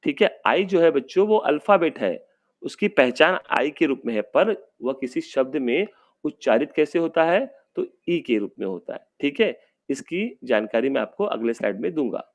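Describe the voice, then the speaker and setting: A man's voice: fairly high pitch, expressive, moderate pace, creaky. A male teacher giving an online class for young children, speaking patiently, often calling out to the kids and drawing out vowel sounds.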